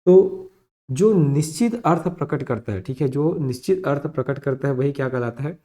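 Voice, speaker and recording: A man's voice: mid-range voice, lively intonation, brisk, dark tone. A young adult male teacher giving an exam-prep grammar lesson. He repeats key phrases word by word and keeps checking in with his students.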